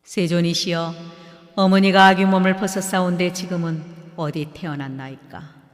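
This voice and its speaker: A man's voice: sits high, steady tone, normal speed, lightly acted. A man reading the lines of a devoted young monk who pleads formally and reverently for his mother. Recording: long hall reverb.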